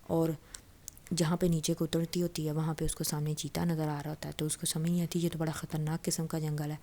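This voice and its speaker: Low, flat-voiced woman storyteller. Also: a little hiss or hum. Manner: conversational, loosely paraphrases dialogue with frequent fillers and restarts. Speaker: storyteller retelling a novel. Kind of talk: casual spoken story retelling.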